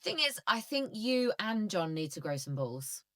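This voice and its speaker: A woman guest on a comedy podcast, talking in a blunt, playful and animated way in casual chat. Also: medium pitch, moderate pace, no room sound, clean studio sound.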